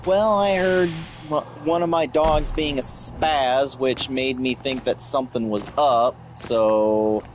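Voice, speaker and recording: A man's voice: mid-range voice, slow, few pauses, slight background noise. A man chatting casually with a friend while playing video games.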